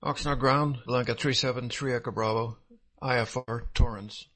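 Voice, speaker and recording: A man's voice: mid-range voice, fairly even intonation, normal speed, a bit bright. A man speaking as a pilot, giving terse, procedural radio read-backs to air traffic control.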